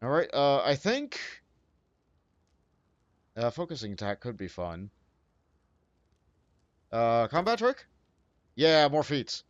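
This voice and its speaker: Animated man thinking aloud over a game. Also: medium pitch, slow pace, pauses often, no room sound, highs cut off. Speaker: let's play host. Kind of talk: casual game commentary.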